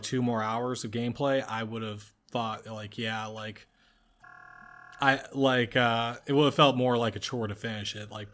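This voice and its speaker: A man's voice: medium pitch, a bit bright, a little hiss or hum. A man co-hosting a casual podcast, rambling with lots of "like" and filler words. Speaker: podcast co-host. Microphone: podcast microphone.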